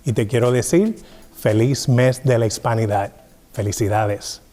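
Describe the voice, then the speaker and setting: A man with a Puerto Rican accent and Spanish as his first language gives a personal testimonial. His pitch is average for a man, and music plays faintly behind him. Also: normal speed, mellow. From Puerto Rico. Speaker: emergency medical services sergeant.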